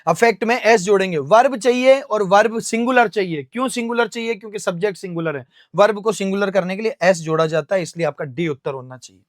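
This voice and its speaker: High-voiced Indian man teaching vocabulary. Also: no room sound, studio quality. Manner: explains step by step, asks and answers his own questions; spells words out slowly letter by letter. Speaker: English teacher. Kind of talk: classroom vocabulary lesson.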